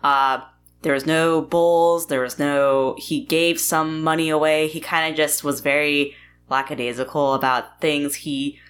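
A woman's voice: low voice, level tone, a little slow, smooth. A woman co-hosting a podcast, telling history in a rambling, casual way with many fillers and some swearing. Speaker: podcast co-host.

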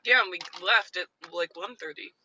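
A woman's voice: lowish voice, normal speed, sharp tone, lo-fi sound, slight background noise. A young woman co-hosting a podcast, chatting casually in a parked car and eating as she talks. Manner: chatty, eating between lines. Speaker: podcast co-host.

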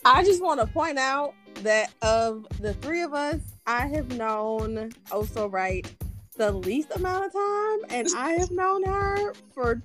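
A woman hosting a casual podcast chat and introducing a guest in a relaxed way. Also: high-pitched, slow, faint music behind. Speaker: podcast host.

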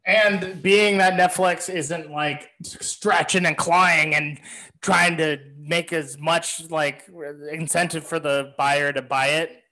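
A man's voice: a little high, steady tone, takes it slowly, pushed and bright, rough recording. A young man co-hosting a casual chat, laid-back and swearing freely as he explains things. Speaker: co-host.

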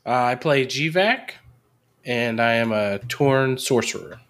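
A man at a tabletop game who speaks in a mid-pitched voice. He sounds hesitant and flustered, stumbling over his words as he plays. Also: expressive, slow pace, fairly bright tone. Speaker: player. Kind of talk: casual tabletop role-play.

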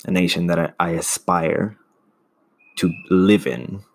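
Man, solo podcast host, very low gravelly voice, earnest and halting. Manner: earnest, searching for words with restarts. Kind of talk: casual opinion monologue.

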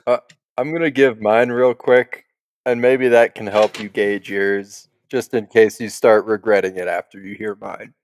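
A man co-hosting a casual podcast, laid-back and tossing in quick jokes. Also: on the low side, fairly even intonation, no echo, studio quality. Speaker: podcast co-host. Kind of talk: casual banter.

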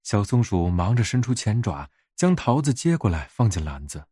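A man reads a bedtime story slowly and gently, with a lot of movement in his pitch. His voice is low and soft-grained, slightly husky, recorded close and dry. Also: sing-song, no echo. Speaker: storyteller, narrator of bedtime tales for adults. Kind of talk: scripted bedtime story narration.

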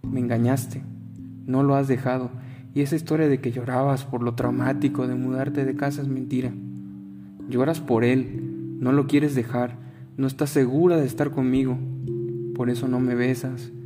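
A man's voice: medium pitch, flat delivery, moderate pace, long reverb tail, lightly acted. A man with a Mexican accent voicing a curt, bitter young man in his twenties who has been cheated on. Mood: cold. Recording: guitar music playing behind.

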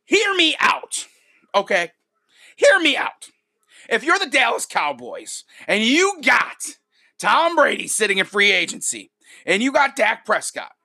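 A man with a fairly high, forceful voice hosts a sports podcast. He talks casually and gives opinions emphatically, doubling phrases for punch. The sound is dry and close. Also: vocal fry, husky, no echo. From Rochester, New York, United States.

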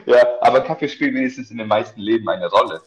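A man's voice: mid-range voice, fast talker. Joking podcast man, dull recording. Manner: joking, hesitant with many fillers. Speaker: podcast co-host. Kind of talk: casual podcast chat.

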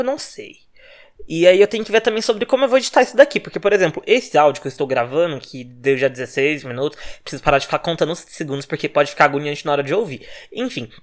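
Young Brazilian man with a Brazilian Portuguese accent, solo podcast host, talks fast, swings his pitch all over, swears freely. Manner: fast-talking, animated and profane. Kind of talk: casual solo podcast rant.

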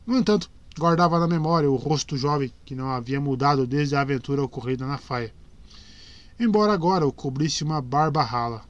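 A man narrating an audiobook in steady storytelling, with small slips and restarts. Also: fairly high pitch, fairly quick, lo-fi sound. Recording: dry close recording.

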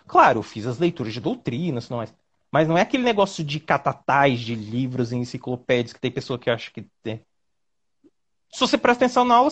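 A Brazilian man, appearing as a lawyer guest, chats casually over a video call, animated and rambling, tossing in quick asides. His voice is on the high side.

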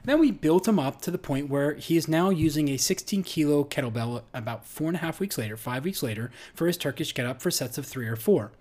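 A man's voice: a little high, expressive, a little fast, few pauses, darkish tone. A middle-aged man, a strength coach, talking casually in a podcast monologue, full of fillers and restarts. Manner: conversational, uses many fillers and restarts.

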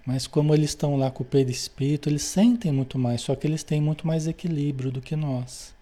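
Reading from a spiritual book to his study group, a Brazilian-accented man pauses after nearly each phrase to explain and check on his listeners. His voice is fairly high and warm, and he speaks a little fast.

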